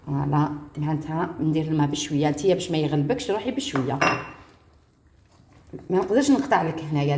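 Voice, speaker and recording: A woman's voice: fairly low pitch, darkish tone, reverberant, slight background noise. A woman with an Algerian Arabic accent, chatting with viewers as she cooks at home and mixing French words into her talk. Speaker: cooking vlogger. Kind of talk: casual cooking tutorial.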